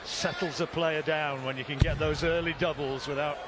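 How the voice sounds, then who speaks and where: A man's voice: fairly high pitch, steady tone, normal speed. A man giving live darts commentary in short, conversational phrases. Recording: clear crowd noise behind. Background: noisy darts arena.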